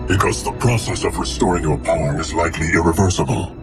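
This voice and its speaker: A very deep-voiced, ancient male steward played by an actor in a video game cutscene. He speaks formally and with measured solemnity, steadfast and loyal. Music plays clearly behind him. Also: lightly acted. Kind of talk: video game cinematic acting.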